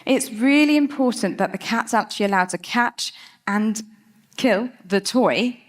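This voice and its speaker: Lively woman giving a talk. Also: fairly high pitch, a little slow. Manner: lively, chatty, laughs often. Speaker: cat behaviour speaker. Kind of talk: TED-style talk.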